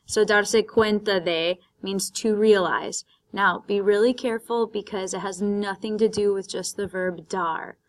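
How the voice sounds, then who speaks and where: A woman's voice: medium pitch, steady tone, takes it slowly, few pauses. A woman teaching Spanish vocabulary, patiently explaining words in Spanish and English. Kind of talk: vocabulary lesson, bilingual.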